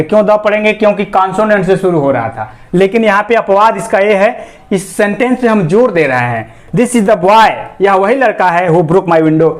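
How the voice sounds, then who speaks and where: A man teaching English grammar, asking questions to the class, answering them himself, and reading example sentences slowly word by word. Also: sits high. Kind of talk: explanatory classroom lesson.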